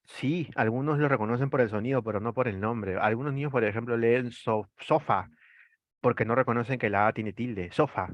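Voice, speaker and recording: A man's voice: mid-range voice, fairly quick, few pauses, no echo, dull audio. A man with a Peruvian accent, lecturing an online class, explaining and asking rhetorical questions that he then answers. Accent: Peruvian Spanish. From Peru. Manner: frequent tag "¿no?".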